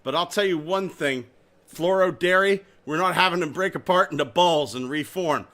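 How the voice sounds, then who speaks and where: A man hosting a casual chat about toys, excitable and animated, swearing and joking as he talks. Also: on the high side, moderate pace. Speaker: podcast host.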